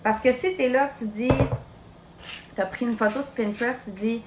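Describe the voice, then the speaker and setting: A woman with a fairly high voice talks at normal speed against a noisy background, and the sound is roomy. In her late twenties and Québécois, she leads a live social media training for her sales team. She's direct and chatty, addressing the listener with "tu."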